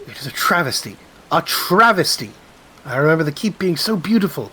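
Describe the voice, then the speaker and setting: A man voicing a grand, courtly game villain in a slow, theatrical and formal delivery. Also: on the high side, sing-song, bright, forceful tone, breathy edge, pitched above the performer's own voice, exaggerated voice, poor audio. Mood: grand, solemn. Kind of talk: reading game dialogue in character.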